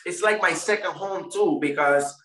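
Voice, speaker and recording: A man from Puerto Rico who was raised in Florida appears as a guest, a First Amendment auditor, in a casual interview chat. He rambles in a high, bright voice at normal speed, often repeating and restarting sentences. He sits some distance from the mic in a strongly echoing room.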